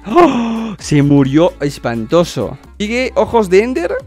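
A young man gives excited reaction commentary. His voice sits high and swings widely, full of exclamations and repeated words. Soft music plays underneath. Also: normal speed. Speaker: reaction video host.

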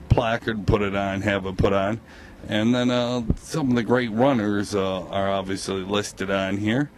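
A man hosting a walking video tour, talking haltingly with many fillers as he films. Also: lowish voice, background noise. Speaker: host, filming the tour.

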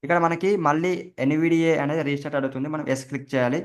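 Fast-talking male tutorial host. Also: fairly high pitch, fairly even intonation. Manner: explains each keystroke as he goes. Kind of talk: step-by-step screen recording tutorial.

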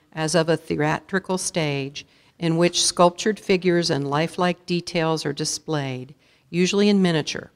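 Low-voiced woman pronouncing spelling words. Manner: slow, deliberate, repeats each word clearly. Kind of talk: formal word pronouncing and reading definitions. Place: school auditorium.

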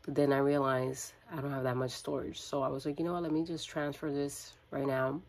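A woman's voice: very deep voice, flat delivery, brisk, darkish tone. A woman in her thirties vlogging at home, rambling casually to her phone's front camera in a small room. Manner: rambling, chatty, thinking aloud. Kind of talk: casual vlog chat. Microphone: phone front camera close to the face.

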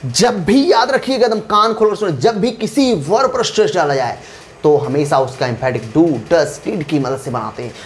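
A man's voice: high-pitched, animated, moderate pace, a little hiss or hum. A man lecturing as an English grammar teacher, mixing Hindi and English, stressing and repeating key terms as he drills his students.

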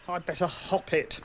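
A woman voicing a fussy, chattering male crow on a hissy old tape. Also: lowish voice.

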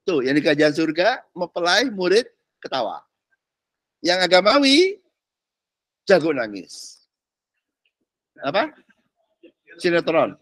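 A man's voice: fairly high pitch, slow pace, pauses often, dry recording. A middle-aged man, a pastor teaching a discipleship class in a casual sermon, dropping English words into his talk. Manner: animated, mixes in English words and slang.

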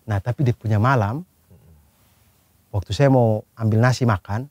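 A man's voice: mid-range voice, moderate pace, no echo. A man telling a childhood story in casual chat with friends, acting out the scene as he goes. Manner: animated storyteller, acts out scenes with gestures.

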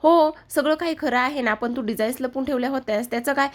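A woman's voice: high voice, fast, lightly acted. A woman doing a boastful, bickering young husband. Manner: argumentative, boastful.

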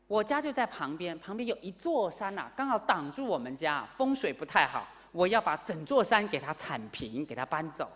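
A woman's voice: fairly low pitch, sing-song, moderate pace, few pauses, fairly bright tone. A woman playing a stubborn old laborer. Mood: insistent. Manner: stubborn, insistent. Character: determined elderly man at hard labor.

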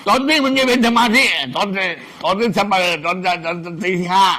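A man's voice: high-pitched, brisk. An older man, a senior monk, telling stories casually in a rambling old man's way, often repeating his words. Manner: animated. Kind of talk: casual storytelling.

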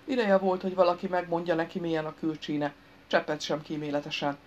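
A woman narrating an audiobook in an even, dry storytelling manner. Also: lowish voice, slight background noise. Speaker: audiobook reader. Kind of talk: scripted narration. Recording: dull lo-fi recording.

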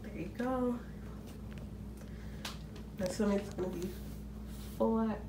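Sounding slightly congested, a young vlogger chats into her phone at arm's length in a small room, rambling and making jokes at her own expense. She speaks slowly in a medium pitch, and there's some background noise.

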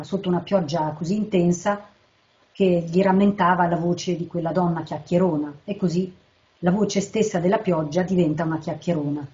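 A woman with a lowish voice gives a careful, measured literary lecture and reads short poems aloud in an unhurried way. The recording sounds dull and lo-fi. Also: dark tone. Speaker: translator presenting a poet. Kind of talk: literary lecture with poem readings.

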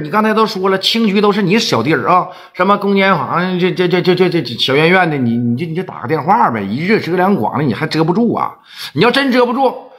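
A man with a Northeastern Chinese accent voicing a tough, smooth-talking gang leader who speaks firmly and persuasively. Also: sits high, fairly bright tone, voice pushed up. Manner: firm, persuasive.

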